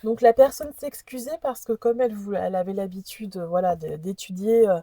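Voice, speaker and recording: A woman's voice: medium pitch, a little fast, warm tone, no echo. A woman host presenting an oracle deck in a casual chat, reading the card messages aloud and hesitating over unfamiliar names.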